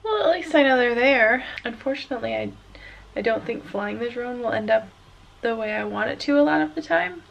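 A woman's voice: a little high, gravelly, recorded from a distance, slight background noise. A woman vlogger chatting casually to camera at home, laughing easily as she talks. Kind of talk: casual vlog chat. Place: indoors at home after a trip.

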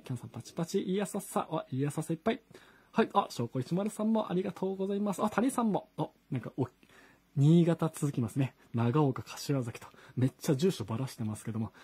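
This man's voice sits on the high side, with a darkish, slightly rough quality. He's a singer-songwriter running a live stream from his home studio, casually talking to viewers, calling them by name and reading out what they comment.

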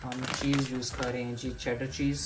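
A man's voice: mid-range voice, flat delivery, moderate pace, heavy background noise. A man hosting a home cooking video, chatting casually and explaining each step to viewers. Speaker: cooking vlog host. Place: home kitchen. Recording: echoey room with background music.

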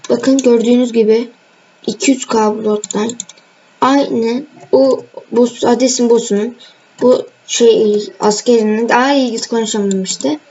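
A woman's voice: fairly high pitch, mellow. A young woman casually commenting on her gameplay, talking straight to viewers and teasing the players she fights. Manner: chatty, teasing, addresses viewers directly. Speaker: gaming channel host. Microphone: screen-recorded voice mic. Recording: dull lo-fi home mic with faint noise.

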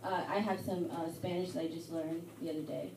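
A young woman from Mexico doing a live stand-up set in a pub, with a halting, rambling delivery full of fillers. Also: on the low side, steady tone, distant mic, slight background noise. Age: young adult. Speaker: stand-up comedian. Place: hotel pub comedy night. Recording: echoey live room miked from afar with loud crowd. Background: audience chatter and laughter.

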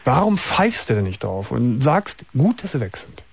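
A man's voice: medium pitch, big pitch swings, moderate pace, vocal fry, husky, no room sound. A man hosting a late-night radio phone-in, probing firmly and cutting in to make his point. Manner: probing, firm interviewer who interrupts. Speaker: radio call-in host.

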